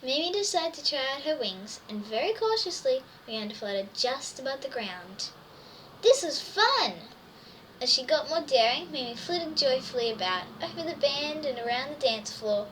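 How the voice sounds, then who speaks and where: Reading a picture story to kids, this woman uses a high, slightly bright, sing-song voice at a moderate pace, full of wonder and exclamation. Faint background noise comes through on a distant microphone.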